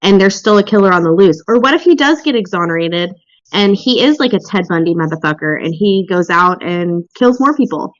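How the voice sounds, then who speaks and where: A woman hosting a casual true crime podcast chat, blunt and quick to swear. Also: lowish voice, animated, dry recording, muffled recording. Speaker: podcast host.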